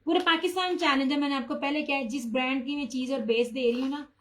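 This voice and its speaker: Woman, high voice, live-stream seller, chatty, pushy about price. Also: steady tone, fast talker, a little hiss or hum, low-quality recording. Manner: chatty, addresses viewers by name, insists on low prices. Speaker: online clothing seller. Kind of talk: live-stream sales pitch.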